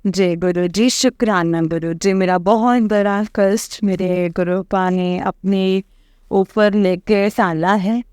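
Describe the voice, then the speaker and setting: A woman's voice: mid-range voice, steady tone, slow pace, a little mellow, smooth, no echo, clean studio sound. A woman telling a rambling personal testimony to a congregation, full of hesitant fillers and repeated address to her listeners. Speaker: devotee sharing a testimony.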